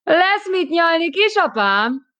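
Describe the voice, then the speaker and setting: A woman's voice: mid-range voice, expressive, fairly bright tone, smooth, dry recording, pitched above the performer's own voice, lightly acted. A woman reading an audiobook, voicing a crude, mocking young female prisoner in a sneering, brash manner.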